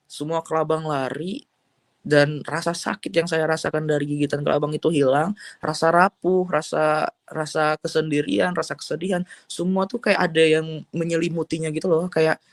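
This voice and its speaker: Young man, earnest emotional testimony, slightly high voice, dry close sound. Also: no echo. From Indonesia. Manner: earnest, emotional storytelling with many fillers. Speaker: testimony giver. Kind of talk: personal testimony.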